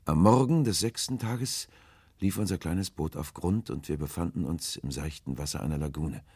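A man's voice: extremely low pitch, darkish tone, slightly rough, dry recording. A man voicing a frightened, starving old man who speaks in a hesitant, hopeless way in an audiobook. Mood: sorrowful. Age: older. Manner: hesitant, halting, sorrowful and hopeless. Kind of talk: audiobook character voice.

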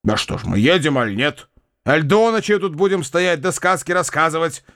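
A man's voice: a little high, expressive, normal speed, a bit bright, no room sound, studio quality, pitched above the performer's own voice. A man reading aloud and voicing a hot-tempered, grumbling landowner full of sarcastic indignation. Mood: sarcastic, furious.

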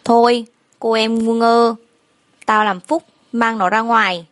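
A woman's voice: fairly high pitch, steady tone, takes it slowly, fairly bright tone, no room sound. A woman reading as a sneering gangster man. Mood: taunting. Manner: taunting, condescending. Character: sneering male gangster kidnapper, mocking.

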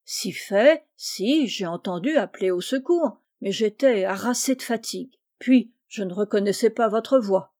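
A woman's voice: medium pitch, unhurried, hardly any pauses, darkish tone, close to an everyday voice. A woman voicing a cool, matter-of-fact blacksmith man in a storybook reading. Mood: cold. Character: cold unhurried grown male blacksmith.

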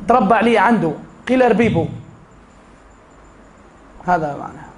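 Man, Tunisian Arabic accent, recitation teacher, high voice, quizzing students. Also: animated, moderate pace, slight background noise. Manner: asks students questions and answers them himself. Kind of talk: classroom lesson.

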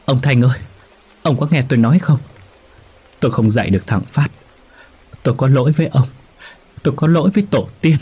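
A man's voice: lowish voice, animated, unhurried, pauses often, warm tone, breathy edge. A man putting on a sobbing old mother. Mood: wailing. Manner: wailing, sobbing pleas. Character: grieving old mother, desperate and pleading.

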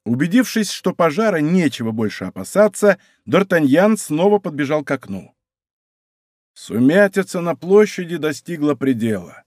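A man reading a historical adventure novel aloud as a studio audiobook, with vivid, expressive storytelling. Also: fairly high pitch, normal speed, dry recording. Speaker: audiobook reader. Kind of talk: dramatic audiobook narration. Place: recording studio.

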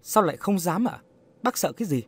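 A man voicing a gentle, coaxing young woman. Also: high-pitched, animated, brisk, slightly rough, voice pushed up. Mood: gently probing. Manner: soft, coaxing, polite.

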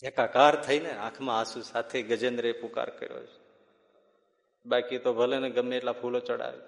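A man giving a devotional discourse in an animated storytelling manner. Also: mid-range voice, normal speed, gravelly, in a large hall. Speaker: religious storyteller.

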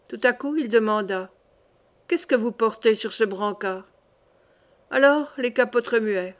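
A woman narrating a classic short story in a measured, expressive way. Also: fairly high pitch. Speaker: reader. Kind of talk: literary audiobook narration.

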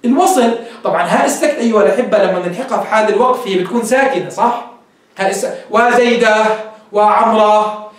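A man teaching a grammar lesson, explaining step by step and quizzing his class. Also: extremely high pitch. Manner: explains step by step, asks the class questions and answers them. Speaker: sheikh teaching Arabic grammar. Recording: very echoey room, mic far off.

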